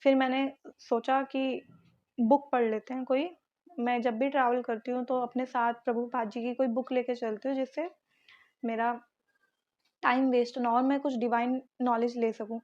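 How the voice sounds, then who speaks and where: A young woman vlogger casually telling a personal story in an animated way. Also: fairly high pitch, normal speed, highs cut off.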